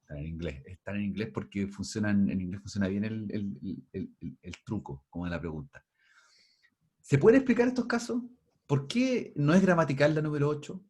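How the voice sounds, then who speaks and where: A man's voice: fairly low pitch, lively intonation, a little fast, darkish tone, husky. A man teaching a linguistics class over a video call, explaining patiently and often restarting his words. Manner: explanatory, restarts and repeats words while thinking.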